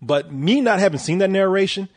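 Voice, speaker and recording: A man with a somewhat high, husky voice reviews a film in loose, profane chat. He jokes a lot and trips over restarts as he talks. The recording is close and dry. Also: fairly quick, dry recording. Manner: profane, jokey, animated, many restarts. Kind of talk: casual chat.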